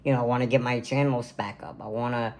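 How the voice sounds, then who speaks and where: A man's voice: mid-range voice, steady tone, quick pace. 20s dude rambling to his cam from his gaming room, lots of um and like, super casual. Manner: rambling, filler-heavy, casual slang. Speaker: content creator. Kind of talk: casual birthday vlog to camera. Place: home gaming room, indoors.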